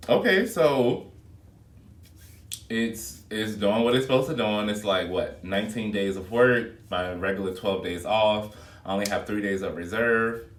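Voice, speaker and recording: Man, lowish voice, casual talky vlog delivery, recorded on a phone video at a distance in an echoey room. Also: measured pace. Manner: chatty and expressive, addresses viewers as y'all. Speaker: flight attendant vlogger. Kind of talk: casual vlog chat to viewers.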